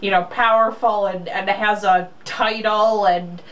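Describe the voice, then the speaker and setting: With a mid-range, slightly bright voice and a steady tone, a woman co-host reads a romance novel aloud a little slowly, chatting casually in a blunt, sarcastic, mocking way and swearing freely. The sound is lo-fi, picked up by a distant mic with faint background noise.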